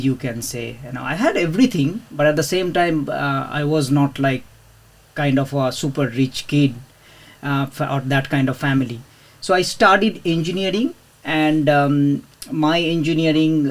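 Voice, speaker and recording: A man in his thirties, originally from India, speaking as a guest in a casual interview, with frequent fillers and restarts. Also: on the high side. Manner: hesitant, many fillers and restarts. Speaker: podcast guest, property investor.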